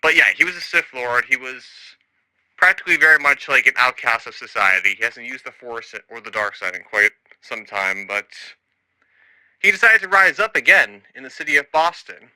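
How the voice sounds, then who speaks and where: A man improvises an audio log as a storyteller and narrator, rambling and hesitant, often trailing off and losing his thread. His medium-pitched voice is lively, pushed and bright at a normal speed. The recording is rough, with no room sound.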